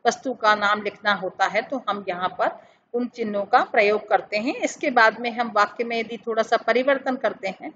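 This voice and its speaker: A woman teacher with a high voice talks her pupils through a classroom lesson and works through examples one at a time. The recording sounds dull and lo-fi, with faint noise underneath. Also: a bit bright. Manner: explains slowly with examples, addresses children directly.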